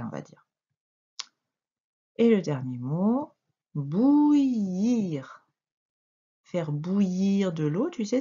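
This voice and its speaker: Slow, patient woman teacher, low and dark. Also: breathy edge, muffled recording. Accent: French. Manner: slow and patient, spells out letters, addresses the child directly. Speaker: primary school teacher. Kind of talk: recorded reading and dictation lesson for young pupils.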